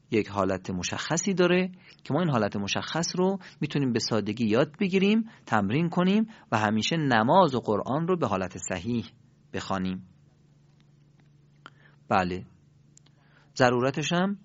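A man teaching a pronunciation lesson, explaining in a lively, emphatic way with sudden rises in his voice. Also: medium pitch, dry recording, muffled recording. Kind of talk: Quran recitation lesson.

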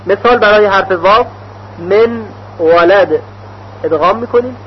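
In a dull lo-fi recording with a faint hum underneath, a man with a high-pitched voice explains Quran recitation rules. He speaks slowly and carefully, stretching out example syllables deliberately.

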